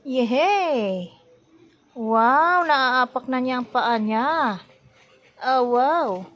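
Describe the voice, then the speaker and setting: A woman's voice: high-pitched, expressive, extremely slow, a bit bright. Woman baby-talking to her dogs. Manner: coaxing, sing-song pet talk. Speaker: vlogger filming her pets. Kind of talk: baby-talk to pets.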